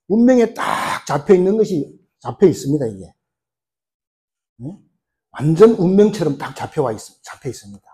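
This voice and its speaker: Animated preaching pastor, warm mellow voice. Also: male voice, on the high side. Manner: lively preaching with rhetorical questions and acted quotes. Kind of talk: sermon.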